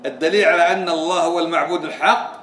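A man's voice: on the high side, fairly even intonation, very fast, a bit bright. A man giving a religious lesson, quizzing his students with repeated questions. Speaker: religious teacher. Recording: echoey room, voice from far off.

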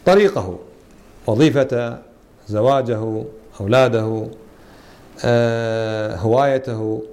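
A man's voice: medium pitch, a little mellow. A man teaching a Quran interpretation lesson as a religious teacher, quizzing his students and repeating and stressing key words.

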